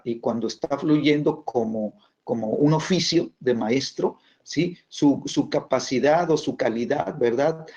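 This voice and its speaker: A man teaching a church class on scripture, halting often with fillers and tag questions. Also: mid-range voice, dark tone. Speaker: bible teacher. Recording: dull lo-fi recording.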